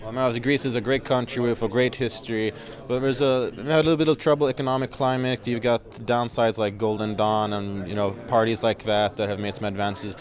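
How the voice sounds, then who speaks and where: Man asking pre-fight questions, mid-pitched. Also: steady tone. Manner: measured questions with fillers. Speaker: interviewer.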